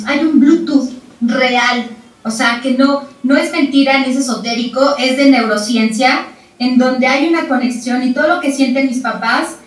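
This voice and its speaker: High-voiced woman, animated and echoey. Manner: animated, repeats words for emphasis, acts out parents and children. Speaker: parenting expert guest. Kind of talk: explanatory chat. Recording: roomy sound from a distant mic.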